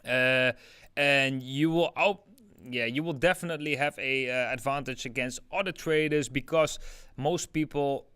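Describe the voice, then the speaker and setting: A young man with a Dutch accent hosts a casual live crypto stream, talking through charts in a chatty manner full of fillers like "like" and "yeah." His voice is medium-pitched, unhurried, sharp and clean, with no room sound.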